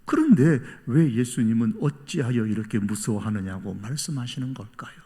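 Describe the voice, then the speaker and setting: A male pastor preaching a sermon, swinging between loud exhortation and hushed whispers. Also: medium pitch, normal speed. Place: church sanctuary. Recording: long reverb of a church hall.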